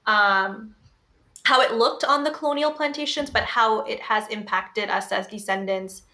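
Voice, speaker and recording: A woman's voice: a little high, measured pace, sharp tone. A young adult woman co-hosting a podcast in a casual, conversational style. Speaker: podcast co-host.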